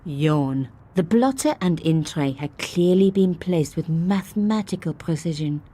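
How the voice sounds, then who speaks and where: A woman's voice: sits low, expressive, a little slow, dark tone. An actress voicing a young woman journalist who narrates her sleuthing with dry, self-mocking asides. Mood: wry. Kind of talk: game voice-over narration.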